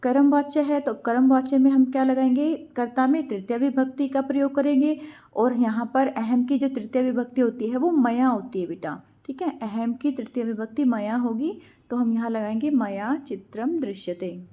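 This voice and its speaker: A woman's voice: high voice, normal speed, dark tone. A woman teacher explaining exam answers in a patient way, asking questions and then answering them herself. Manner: patient, asks and answers her own questions, calls students "beta".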